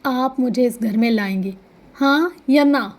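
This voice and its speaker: A woman voicing a bitter, vengeful young woman who shouts and then goes cold and clipped, in a storybook reading. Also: on the high side, natural voice. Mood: furious.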